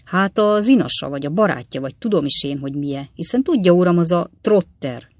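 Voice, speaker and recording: A reader voicing a cynical, flippant young male law clerk who talks in a mocking, offhand way with swooping pitch, read in a dry studio. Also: lively intonation, a little mellow, dry recording, close to an everyday voice.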